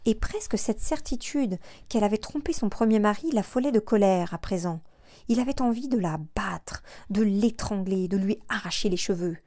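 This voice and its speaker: Warm-voiced woman reading a novel aloud. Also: medium pitch, animated, moderate pace, no echo, clean studio sound. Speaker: audiobook narrator. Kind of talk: scripted narration.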